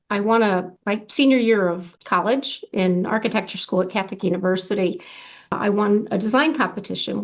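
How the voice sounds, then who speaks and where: A woman in her sixties from Argentina, an architect answering interview questions in a thoughtful, conversational way. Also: mid-range voice. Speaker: architect and firm founder. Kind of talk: casual interview.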